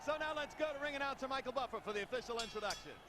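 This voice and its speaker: A man's voice: very high-pitched, animated, rapid-fire. A man doing live play-by-play boxing commentary in articulate, storytelling phrases. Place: ringside at a boxing arena. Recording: loud arena noise behind voice.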